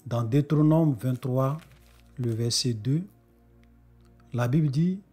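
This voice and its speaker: Congested with a cold, a man delivers an earnest sermon to his brothers and sisters in a slow, warm, mid-range voice, frequently restarting his phrases. Soft music plays in the background.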